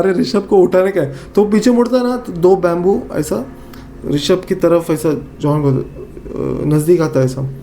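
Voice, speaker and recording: There's slight background noise as a man with a high-pitched voice and Northeast Indian accent tells a horror story. His telling is casual and animated, acting out what his friends said, with many fillers and repeated words.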